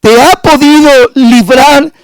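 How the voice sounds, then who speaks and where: A man's voice: very high voice, slow, no echo, voice pushed up, exaggerated voice, low-quality recording. A male pastor voicing a grieving ancient king who calls out mournfully. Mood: sorrowful. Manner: mournful, pleading.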